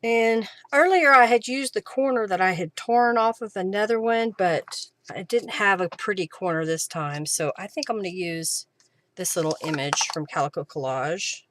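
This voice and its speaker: During a craft livestream, a woman works with her materials and casually talks through each step, thinking aloud to herself and her viewers. Her mid-range voice is fairly bright and moderately paced, with slight background noise.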